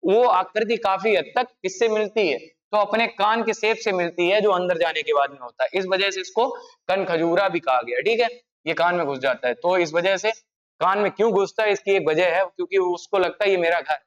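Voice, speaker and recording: Man, teacher, high voice, chatty and joking, repeats words slowly, dull lo-fi recording. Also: a bit bright. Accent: Hindi. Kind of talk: exam-prep language lesson.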